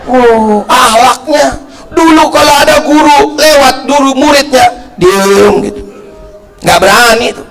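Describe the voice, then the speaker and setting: A middle-aged male preacher from North Sumatra giving a lively sermon, telling stories and acting out the voices of the people in them. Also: very high voice, unhurried, vocal fry, over loud music. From North Sumatra, Indonesia. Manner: animated storytelling, acting out voices of people in anecdotes; loud, shouting emphasis.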